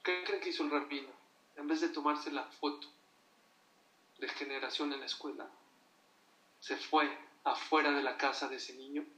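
A religious teacher gives an emphatic sermon to an audience, often putting rhetorical questions to them. His voice is a little high, pushed and bright, heard from far off in an echoey room.

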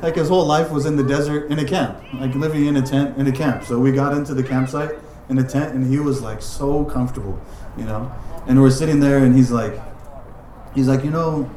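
A man's voice: mid-range voice, darkish tone, slight background noise. A man teaching a religious lesson in a casual, conversational way, filling his talk with "like" and "right?" asides. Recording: roomy echoing room.

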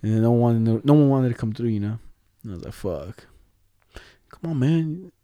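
A man's voice: mid-range voice, fairly even intonation, quick pace, dark tone, clear, resonant tone, no echo. A young man in a casual chat, swapping stories. His talk is slangy, jokey and full of swearing. The sound is dry, with hardly any room on it. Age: young adult. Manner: slangy, profane, jokey storyteller.

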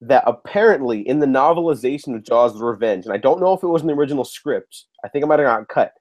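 Fast and expressive, this man's mid-range, slightly mellow voice carries a casual movie podcast. He's recovering from a cold, so he sounds a bit nasal, and he chats freely with plenty of casual cursing.

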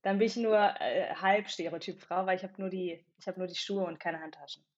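Woman from Berlin, podcast guest; thoughtful, halting delivery full of fillers, muffled lo-fi recording. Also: lowish voice, darkish tone, husky. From Berlin, Germany. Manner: thoughtful, hesitant, many filler pauses. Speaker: podcast guest, company founder. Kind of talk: casual interview chat.

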